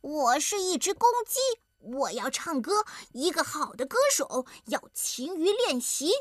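Lady putting on a boastful little rooster boy, high and bouncy, dry close sound. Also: very animated, measured pace, no room sound. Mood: proud. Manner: boastful, hot-headed. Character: cocky young male rooster dreaming of singing. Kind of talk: storybook voice acting.

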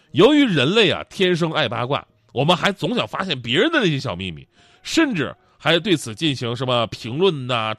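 A man's voice: medium pitch, a bit bright, dry recording. A man hosting a talk show, telling a humorous story in a chatty manner that often stammers and repeats words.

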